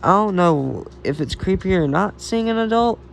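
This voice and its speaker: Man reading a fan story haltingly. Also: high-pitched, expressive, gravelly, a little hiss or hum. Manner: halting, frequent restarts and self-corrections. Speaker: fan fiction reader.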